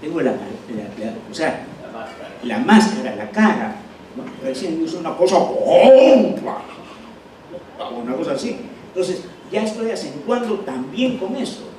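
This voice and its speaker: A man's voice: a little high, sing-song, a little slow, a little mellow. A middle-aged man with a Peruvian accent giving a seminar lecture as an acting teacher, acting out words to demonstrate emphasis. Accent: Peruvian Spanish. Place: lecture hall. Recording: echoey room, voice from far off, faint noise.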